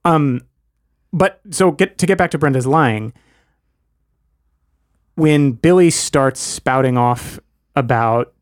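A man's voice: mid-range voice, slow, long pauses, no echo, clean studio sound. A man co-hosting a podcast, talking through a TV episode in a thoughtful, analytical, wordy way. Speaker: podcast co-host. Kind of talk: casual chat.

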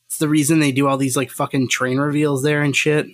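A man's voice: fairly high pitch, little pitch movement, a little fast, no echo. A man co-hosting a podcast in a casual, rambling chat, laughing often and swearing lightly. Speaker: podcast co-host.

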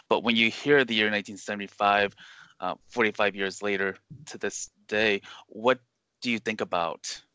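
A man's voice: on the low side, bright, forceful tone, clear, resonant tone, dry recording. A man hosting a podcast interview, asking questions in an earnest, respectful way. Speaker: podcast host.

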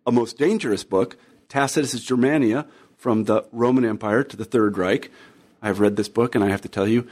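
This history book podcast opens with the host, a man, reading a scripted intro before chatting with his guest, stumbling into occasional fillers and restarts. He speaks at a medium pitch with a darkish tone.

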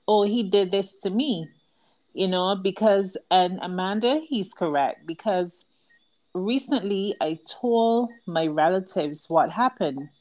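A woman's voice: mid-range voice, a little mellow. A woman with a Barbadian accent, a book author telling her life story earnestly as a guest in an interview. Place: outdoors at night with crickets. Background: crickets.

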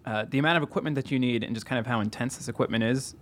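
A man's voice: mid-range voice, slight background noise. A man hosting a show, narrating a scripted introduction and then interviewing guests. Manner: measured, deliberate intro delivery. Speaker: podcast host. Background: faint music.

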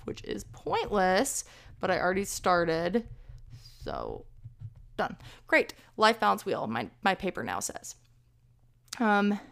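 A podcast host in her twenties talks on her own in a casual, rambling, chatty way, tossing in self-deprecating remarks. She's a bit breathless, speaking in a mid-range voice with vocal fry.

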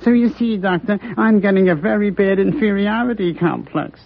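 A man's voice: high voice, normal speed, gravelly. A man voicing a cute, self-pitying little germ in a plaintive, confiding way for a comic radio commercial. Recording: dull lo-fi old radio recording.

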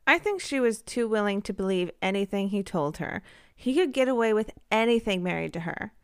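A woman's voice: mid-range voice, expressive, fairly quick, smooth, dry recording, studio quality. A woman co-hosting a true crime podcast, reacting with disgust and asking her co-host questions.

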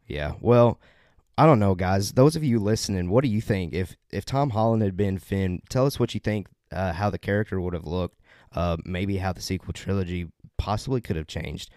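A man with a lowish voice hosts a casual podcast. He talks upbeat and loose, stumbling through plugs and correcting himself as he goes. The sound is close and dry with no room around it. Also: normal speed, darkish tone, no echo. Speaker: podcast host.

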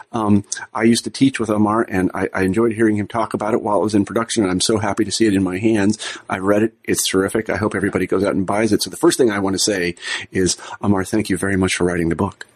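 A man's voice: on the low side, steady tone, fast, breathy edge. A man hosting a radio show, introducing and interviewing a guest with enthusiastic praise. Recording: radio broadcast.

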